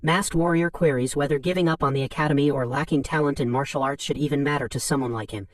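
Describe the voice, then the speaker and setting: A man with a somewhat high voice reads a story recap quickly, delivering each beat as an even, flat third-person summary. The recording is dry and close, with no echo or room sound.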